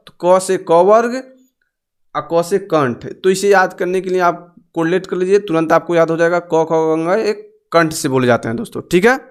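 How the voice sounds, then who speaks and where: A young male teacher with a high, clear, smooth voice. He walks learners through exam grammar step by step, repeating each sound and drilling it with them. Patient, explaining tone. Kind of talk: exam-prep grammar lesson.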